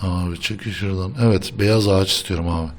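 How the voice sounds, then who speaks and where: A man's voice: deep voice, steady tone, fast talker, slight background noise. A young man hosting a casual gameplay session, chatting, laughing often and arguing playfully with his friend. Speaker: gaming channel host.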